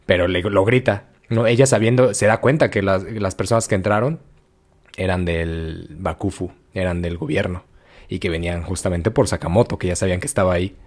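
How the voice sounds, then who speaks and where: A man with a Mexican Spanish accent, hosting a podcast and retelling history in a slangy, animated way, full of acted-out quotes. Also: sits low, fairly quick. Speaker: podcast host. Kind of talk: casual storytelling chat.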